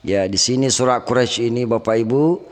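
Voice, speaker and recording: A man teaching Quran recitation rules, chanting verses slowly and melodically between plain explanations. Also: medium pitch, in a large hall. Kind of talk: tajwid lesson with chanted recitation.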